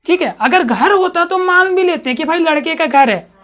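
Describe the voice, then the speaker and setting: A woman's voice: very high voice, lively intonation, moderate pace, a bit bright, dull audio. A woman teaching a grammar lesson to a class, asking questions and checking understanding often.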